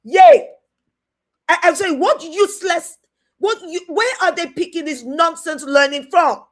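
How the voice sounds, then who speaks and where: A middle-aged woman with a British accent talks in a fairly high voice. She delivers a heated, indignant commentary rant. She scolds and repeats her points over and over for emphasis. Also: measured pace. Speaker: host.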